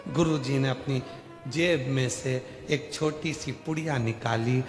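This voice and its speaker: A man's voice: mid-range voice, slow pace, soft background music. Man preaching in an echoey hall. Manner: lively, dramatic narration. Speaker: preacher, storyteller. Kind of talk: devotional sermon storytelling.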